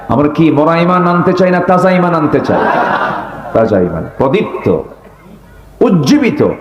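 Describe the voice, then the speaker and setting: A man's voice: on the high side, reverberant, muffled recording, noisy background. A man preaching a sermon with fire, throwing rhetorical questions at the gathering. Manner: fiery, rhetorical questions to the crowd. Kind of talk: Bengali waz sermon.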